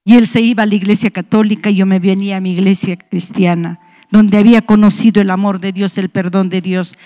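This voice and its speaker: A woman's voice: mid-range voice, steady tone, a little fast, dark tone. A woman with a Peruvian Spanish accent, a pastor's wife, giving an impassioned testimony in church. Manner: impassioned, storytelling with rising emotion.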